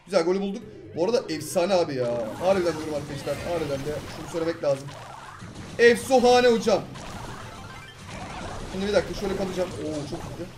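A young man in his twenties giving excitable, slangy commentary over his own gameplay, swinging between calm asides and frustrated outbursts. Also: a little high, very fast, few pauses, music in the background. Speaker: gaming YouTuber.

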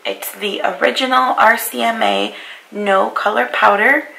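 A young beauty vlogger goes through her makeup routine at her bedroom vanity, her cold leaving her voice hoarse and raspy with a deep, gravelly fry that still sounds bright and forward. She chats casually to the camera, a little slowly and with fairly even intonation, apologizing again and again for how she sounds. The recording is rough, with slight background noise.

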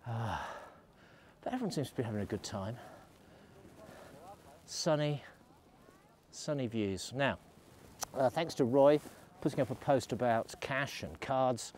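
A man's voice: mid-range voice, a little slow, long pauses, a little mellow. Middle-aged guy rambling to his phone cam on the slopes, faint outdoor hiss. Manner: chatty, rambling asides. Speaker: ski resort vlogger. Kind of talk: casual vlog while skiing. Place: outdoors on a snowy ski slope. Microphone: selfie camera at arm's length.

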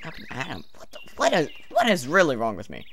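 A man's voice: fairly high pitch, wildly swooping pitch, quick pace, fairly bright tone, slight background noise. A young man joking and sarcastically commenting as he plays a game. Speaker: let's play commentator. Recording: game music behind.

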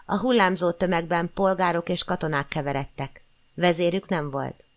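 A woman narrating a classic novel as an audiobook, in a measured, expressive storytelling manner. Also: lowish voice, muffled recording. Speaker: audiobook reader.

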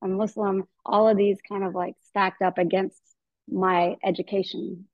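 A woman's voice: mid-range voice, level tone, normal speed, dry recording. A woman gynecologist from the American South, speaking as a guest in a webinar interview over a video call, thinking aloud with many fillers and restarts. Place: indoor room at home. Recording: dull dry video call audio.

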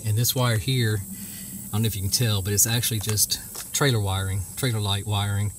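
A homesteader with a steady voice on the low side gives a casual, folksy, plainspoken how-to demonstration at a moderate pace. He's outdoors in a rural yard, recorded on a handheld camera or phone mic, and insect chirping runs through the ambient noise.

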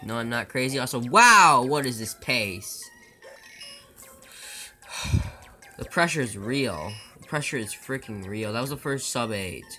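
A man's voice: mid-range voice, fairly bright tone. A man chatting casually with his viewers during a live speedrun stream, joking and rambling with stammered restarts.

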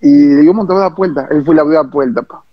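A former baseball pitcher from the Dominican Republic with a Dominican accent, telling stories in an interview, animated and repeating himself, acting out quotes. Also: male voice, fast, lo-fi sound. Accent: Dominican Spanish. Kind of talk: interview storytelling.

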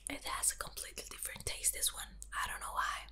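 Whispering young woman, tingly ASMR role-play. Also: fast talker. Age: young adult. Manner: soft tingly ASMR whispering with mouth sounds. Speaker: ASMR creator painting the listener's face. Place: small indoor room.

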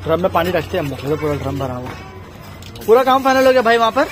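A young man with a high-pitched, very animated voice talks fast, chatting casually in a family vlog while playfully teasing his baby son. Music plays in the background of this noisy phone recording, made in a small home during rain.

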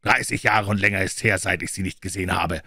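A shabby old sailor with a sly, sneering way of talking, read by a man. His voice is low, husky and forceful, with a dry, close sound. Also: quick pace, no room sound, heavily acted. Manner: sneering, insinuating.

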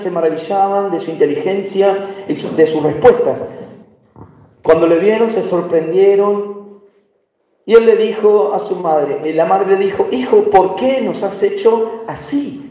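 Man, Argentine accent, pastor's sermon, storytelling with humor, high voice, distant echoey church hall. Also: normal speed, warm tone. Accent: Argentine Spanish. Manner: storytelling preacher, asks the congregation questions, light humor. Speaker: visiting pastor.

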